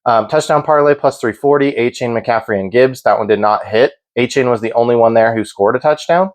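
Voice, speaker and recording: A man's voice: mid-range voice, brisk. A man hosting a sports betting show, giving informal, opinionated commentary in a conversational way.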